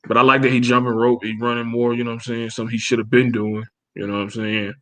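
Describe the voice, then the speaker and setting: A man co-hosting a casual boxing chat, profane and animated, acting out quotes as he tells stories. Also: mid-range voice, fast. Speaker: podcast co-host.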